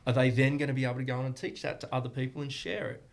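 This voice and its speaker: A man's voice: mid-range voice, little pitch movement, rapid-fire, vocal fry. A man, a martial arts academy owner and guest on a podcast, speaking earnestly in long flowing explanations. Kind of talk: casual podcast interview.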